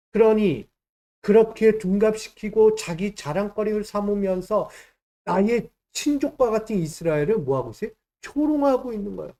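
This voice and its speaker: High-voiced, mellow Korean pastor preaching. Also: male voice. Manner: emphatic preaching, rhetorical questions and answers. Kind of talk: sermon.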